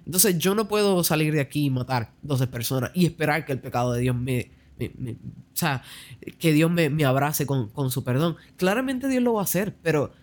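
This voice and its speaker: A man's voice: fairly high pitch, animated, normal speed. Man explaining with constant tag questions. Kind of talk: conversational theological discussion.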